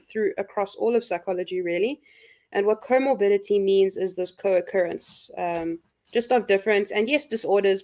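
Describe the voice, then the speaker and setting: A woman lecturer with a hoarse, croaky voice, explaining loosely with lots of fillers in a live university class. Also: mid-range voice, darkish tone. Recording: dull lo-fi recording.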